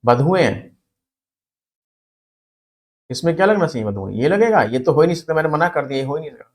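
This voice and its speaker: A man's voice: fairly high pitch, racing. A man teaching a spelling and grammar lesson for exam students, explaining step by step and repeating words for emphasis.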